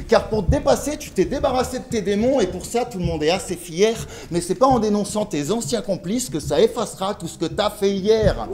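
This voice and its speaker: A man's voice: extremely high pitch, darkish tone, a little hiss or hum. A man from France delivering mocking, sarcastic a cappella rap battle verses at an opponent in an indoor venue. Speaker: battle rapper.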